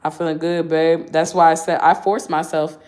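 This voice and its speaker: A woman's voice: low-pitched, little pitch movement, moderate pace, a little mellow. A woman in her twenties chatting candidly on a livestream, answering viewer questions in a slangy, talkative way. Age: 20s. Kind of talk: casual livestream Q&A.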